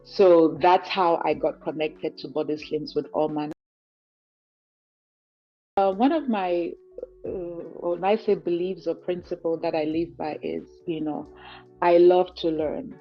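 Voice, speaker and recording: A woman from Cameroon speaks in a notably low voice, earnest and reflective, often leaning on "you know" as she explains. The call audio is dull and lo-fi, with faint music underneath. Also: fairly even intonation, measured pace. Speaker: guest giving a client testimonial. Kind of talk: conversational interview over a call.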